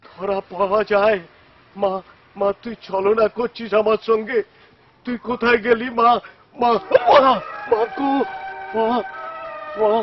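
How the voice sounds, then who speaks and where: A man's voice: sits high, slow, long pauses, background noise. An actor playing a wild, fervent ascetic holy man in a devotional film, blunt with his followers and crying out to the divine Mother. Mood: longing, crying out. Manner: gruff and blunt with followers, pleading cries to the Mother. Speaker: wandering ascetic saint. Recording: dull lo-fi film soundtrack with music.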